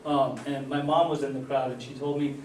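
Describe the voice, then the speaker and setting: A middle-aged man born in Germany and raised in Utah, giving an earnest personal recovery testimony with many fillers and pauses. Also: mid-range voice, little pitch movement, a little hiss or hum. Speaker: recovery speaker. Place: event hall. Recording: echoey hall, distant mic.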